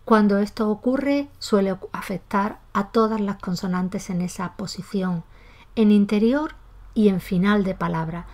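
Calm woman explaining pronunciation. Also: medium pitch, normal speed. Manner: calm, methodical, demonstrates pronunciations aloud; aspirates final S in her own speech. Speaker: language teacher. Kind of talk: explanatory lesson.

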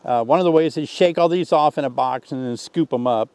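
A man in his sixties teaching a beekeeping test outdoors by the hives, talking in a relaxed, folksy way while he works. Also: on the high side, brisk, clear, resonant tone, no echo. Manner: relaxed, folksy, thinks aloud while working. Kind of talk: hands-on outdoor demonstration. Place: outdoors in an orchard beside beehives.

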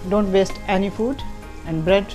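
A middle-aged woman leads a cooking demonstration in a TV studio kitchen. She speaks straight to the viewers at an even pitch, guiding them step by step in a calm, instructive manner, while soft music plays faintly underneath. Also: normal speed. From Pakistan. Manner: relaxed, instructive, addresses viewers directly. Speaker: cooking show host.

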